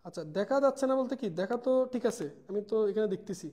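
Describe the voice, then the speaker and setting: A man's voice: high-pitched, rapid-fire, mellow. A young man teaching a live online math class. He repeats key points, mixes in English words and calls his students brother. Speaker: math tutor.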